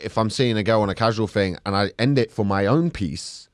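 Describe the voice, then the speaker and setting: Candid low-voiced man telling stories. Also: fairly quick, dry recording, studio quality. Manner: candid storyteller, chuckles often. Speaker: podcast co-host. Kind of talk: casual chat.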